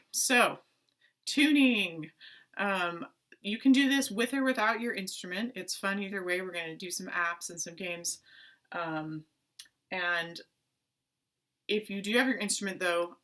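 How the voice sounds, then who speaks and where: A woman teaching a playful online strings lesson for children, asking questions and keeping it lively. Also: medium pitch, unhurried. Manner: animated, talks to kids with pretend play and questions. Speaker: music teacher. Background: violin notes.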